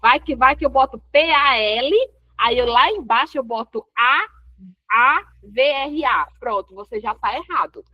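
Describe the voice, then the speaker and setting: A woman's voice: on the high side, measured pace, no echo. A woman teaching essay writing with a Brazilian Portuguese accent in an online class, explaining step by step and answering her own questions. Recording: dull, dry lo-fi audio.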